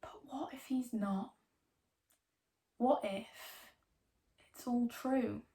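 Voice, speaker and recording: A woman performs a young female ghost-story devotee in a stage-style dramatic monologue. Her voice is fairly high, with a gravelly fry at the edges. She tells it slowly and theatrically, wry and defiant, leaning hard on words and hanging on pauses. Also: steady tone. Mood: hushed awe.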